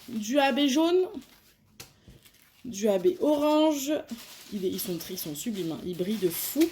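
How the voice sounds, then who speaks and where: A woman's voice: high voice, darkish tone, slight background noise. A young woman chatting casually at her living room table as she unboxes and shows a diamond painting kit, thinking aloud as she counts and sorts.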